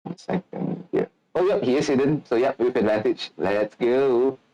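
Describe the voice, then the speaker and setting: Lively-voiced man running the game. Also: mid-range voice, moderate pace, lo-fi sound, a little hiss or hum. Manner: matter-of-fact, describes rolls and turns. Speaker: game master. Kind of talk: running a tabletop game online.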